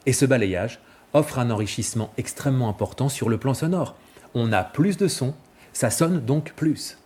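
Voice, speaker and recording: A male vocal coach giving a clear, didactic scripted explanation and demonstrating examples. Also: medium pitch, normal speed, darkish tone.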